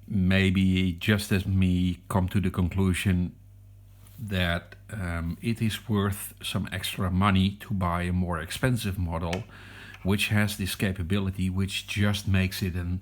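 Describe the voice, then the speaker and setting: Demonstrating a meter at his home desk, a deep-voiced hobbyist reviewer from the Netherlands speaks English as a non-native speaker. His casual product demo comes out halting and unsure, full of ums and restarts.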